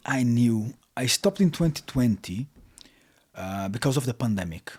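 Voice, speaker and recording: On a podcast, a Brazilian guest in his 30s chats in non-native English, his first language being Portuguese, restarting often as he goes in this casual interview. He speaks at a normal speed in a mid-range, animated voice that's a little mellow and husky, with a Brazilian accent.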